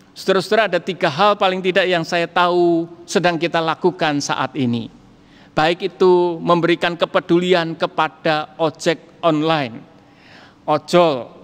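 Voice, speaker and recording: Middle-aged male pastor, conversational sermon storyteller, slightly high voice, long hall echo. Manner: conversational, acts out dialogue in a story. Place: church hall.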